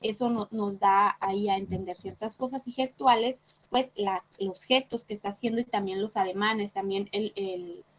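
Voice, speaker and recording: A woman's voice: mid-range voice, fairly even intonation, moderate pace, few pauses, rough recording. A woman teaching an online class, explaining patiently and checking in with short tag questions. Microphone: computer mic on a video call.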